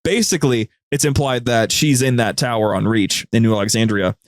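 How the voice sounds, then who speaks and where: Talking a little fast in a medium-pitched voice, this man is heard in studio-quality audio with no room sound. He's a podcast guest who co-hosts a media group's show, explaining things casually and telling stories with enthusiasm in an interview setting.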